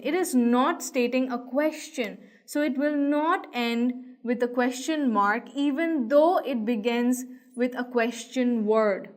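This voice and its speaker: Slow, careful woman teaching grammar. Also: high-pitched, a bit bright. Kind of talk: scripted lesson narration.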